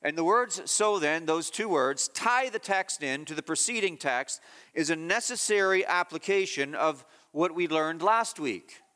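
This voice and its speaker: A man's voice: fairly high pitch, animated, a little slow, pushed and bright, big-room sound. A man preaching an expository sermon, emphatic and repetitive, rising sharply on key phrases. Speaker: pastor.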